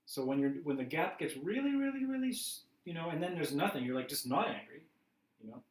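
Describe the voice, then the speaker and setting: A man's voice: fairly high pitch, animated, fairly quick. A man teaching a class in a chatty, laughing way, acting out everyday scenes as examples. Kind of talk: casual teaching talk. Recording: roomy class recording from a distance.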